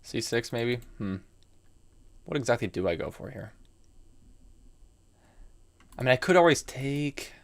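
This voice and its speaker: While playing chess live, this American man in his early twenties muses through his moves and replies to chat casually. His medium-pitched voice is creaky with lively intonation, measured in pace, and he pauses often.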